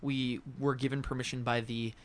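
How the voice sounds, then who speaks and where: Man, band guest on radio, casual and rambling, lots of fillers, mid-pitched voice. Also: little pitch movement, normal speed. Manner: rambling, hesitant, many ums and restarts. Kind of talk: casual radio interview chat. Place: radio studio.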